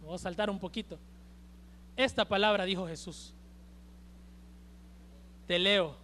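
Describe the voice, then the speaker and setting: High-voiced Honduran preacher man. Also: unhurried, slight background noise. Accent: Honduran Spanish. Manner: emphatic, swings between loud and hushed. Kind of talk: sermon. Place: church service.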